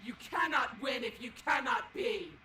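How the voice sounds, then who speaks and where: An otherworldly video game princess. Her high, theatrical voice rings with heavy reverb. A faint wash of noise sits behind her. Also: normal speed, pushed and bright. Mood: menacing fury. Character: wrathful godlike princess turned gentle and remorseful. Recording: reverberant voice over ambient noise.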